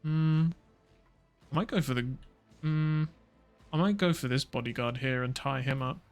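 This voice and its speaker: A man's voice: mid-range voice, normal speed, faint music behind. Muttering male game streamer. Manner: muttering to himself, thinking aloud. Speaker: streamer playing a strategy game. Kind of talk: casual gameplay commentary.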